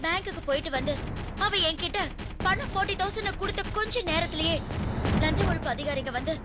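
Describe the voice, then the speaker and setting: A woman's voice: extremely high pitch, brisk. An actress playing a wronged woman police officer who explains steadily and vows revenge, in a TV serial drama. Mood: resolute. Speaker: police officer, under arrest. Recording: loud background music score.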